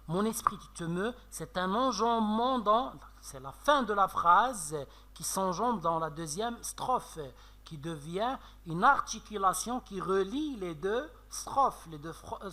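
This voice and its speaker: A man with a Moroccan French accent teaches a French literature class on poetry analysis, explaining slowly with lots of "euh" and frequent checks of "d'accord?". His voice sits high and sounds bright and forceful.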